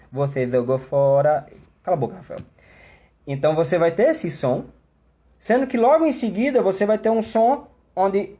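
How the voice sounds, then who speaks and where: Teaching English pronunciation in a live online class, a man with a Brazilian Portuguese accent keeps things chatty and pokes fun at himself. His voice sits on the high side with a dark tone, and he slows down to exaggerate sounds in his demonstrations.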